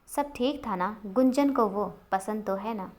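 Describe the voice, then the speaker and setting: A woman voicing a gentle, worried middle-aged mother in a storybook reading. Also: mid-range voice, unhurried, lightly acted. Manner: gentle, fretting.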